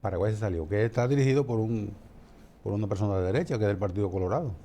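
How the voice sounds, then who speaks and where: A man's voice: on the low side, racing, warm tone, slight background noise. A man commenting on politics in casual studio talk, often repeating words as he searches for the next phrase.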